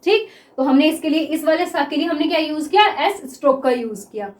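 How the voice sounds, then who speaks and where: A woman teacher explaining shorthand examples step by step, saying words slowly as she writes them and often checking whether students follow. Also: sits high, expressive, roomy sound. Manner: repeats words slowly while writing, asks 'clear?' often. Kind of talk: classroom lesson explaining examples.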